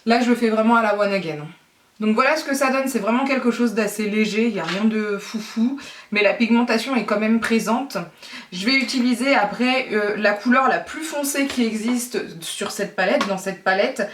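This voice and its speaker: A woman from France giving a casual makeup tutorial, talking chattily with many fillers and pauses. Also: medium pitch. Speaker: beauty vlogger. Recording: roomy echo, distant mic.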